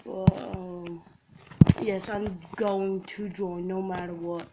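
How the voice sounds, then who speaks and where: A woman hosting a casual gaming video, loud, profane and excitable. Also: medium pitch, slow pace, highs cut off, very noisy. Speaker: gaming channel host.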